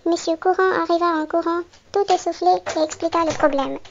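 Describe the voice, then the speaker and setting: Very high-voiced woman reading a children's book. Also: a little fast, muffled recording, slight background noise. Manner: clear, expressive storytelling for a young child. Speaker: storybook reader.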